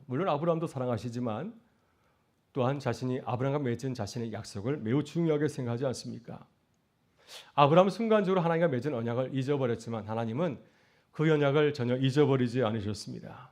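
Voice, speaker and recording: A man's voice: mid-range voice, quick pace, darkish tone. A middle-aged man, a pastor, preaching a sermon earnestly, asking rhetorical questions and rising to emphatic peaks.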